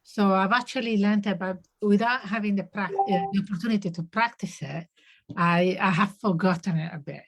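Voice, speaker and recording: A woman, a guest on an online panel, speaking haltingly with many fillers and restarts over a video call. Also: mid-range voice. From Italy.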